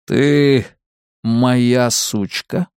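A cold, composed masked torturer, as a male narrator voices him, taunting in slow, stretched-out words. The reading sits in a medium register. The recording is dry and close, with no room around it. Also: mid-range voice, steady tone, a little mellow, clear, resonant tone, no room sound. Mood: menacing. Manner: slow, drawn-out taunting delivery. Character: menacing masked male torturer, calm and mocking. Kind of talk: audiobook character reading.

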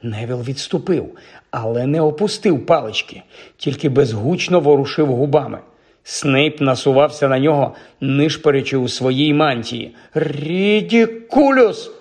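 A man reading a fantasy story aloud as an audiobook narrator, steady and vivid. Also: medium pitch, normal speed, breathy edge.

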